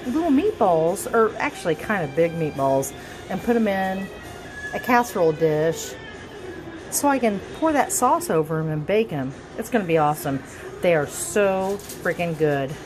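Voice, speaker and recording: In her home kitchen, a tipsy, giggly woman narrates her cooking vlog in a medium-pitched voice, rambling, joking at her own expense and swearing casually. The background is noisy, with music from the TV playing behind her.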